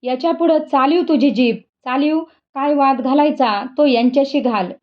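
A woman's voice: high voice, moderate pace, natural voice. Woman doing hot-tempered older village Brahmin man, ranting, insulting, storybook, dull audio. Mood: angry.

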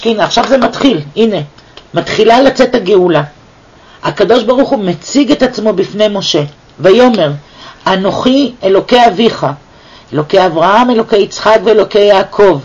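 A man with a high voice teaches a Torah lesson, full of animated rhetorical questions. The recording sounds dull and lo-fi. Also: husky. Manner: lively, asks many rhetorical questions. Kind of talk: weekly Torah portion lesson.

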